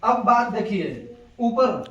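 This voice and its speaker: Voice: medium pitch, big pitch swings, slow. A teacher giving a classroom lesson, patiently asking the same questions again and repeating the answers to check that students understand. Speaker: Urdu teacher. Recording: roomy, distant, dull lo-fi recording with loud noise.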